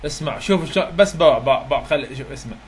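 A man's voice: a little high, expressive, quick pace. A man teaching a classroom phonetics lesson, coaxing students and repeating sounds for them to copy. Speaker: university English teacher.

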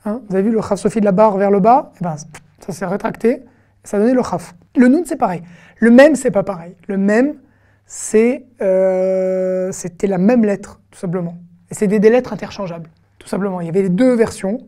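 A woman leads a lesson in a warm, mellow voice. She explains patiently with friendly conversational asides and stretches syllables slowly when modeling sounds. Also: medium pitch. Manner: frequent fillers and restarts, friendly conversational asides. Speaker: Hebrew teacher. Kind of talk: online language lesson.

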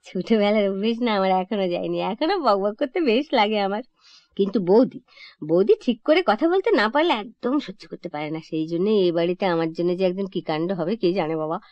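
An actress performs a comic stage monologue as a chatty young divorced woman, her medium-pitched voice brisk and close to everyday speech, with no echo. Lively and confiding with listeners, she corrects herself as she goes, on a dull lo-fi old recording.

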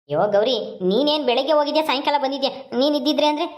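A woman playing a grieving grown son in a village family drama, speaking in a rapid, wailing lament. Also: high-pitched, close to an everyday voice.

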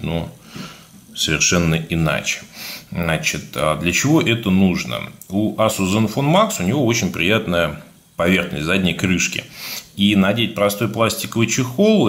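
A man with a speech impediment on his r's, giving a casual, halting product review as a video blogger. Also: low voice, fairly bright tone. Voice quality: burred, defective r sound. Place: indoors, at a table, hands-only shot.

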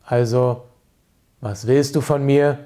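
A man's voice: mid-range voice, steady tone, slow pace, warm tone, lightly acted. A man reading aloud plays an eccentric, temperamental music director who talks in a theatrical, capricious way, sometimes scolding, sometimes playful. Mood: gruff.

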